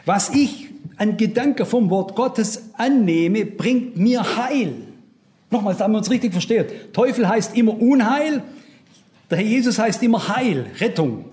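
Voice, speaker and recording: A man's voice: high-pitched, expressive, measured pace, darkish tone. A man preaching a sermon, earnest and emphatic, speaking straight to his listeners.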